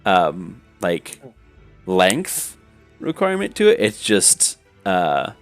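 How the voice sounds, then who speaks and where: A man's voice: low voice, huge pitch swings, slow pace, soft background music. A man at a tabletop role-playing game, explaining a spell's rules in casual chat with many hesitant fillers.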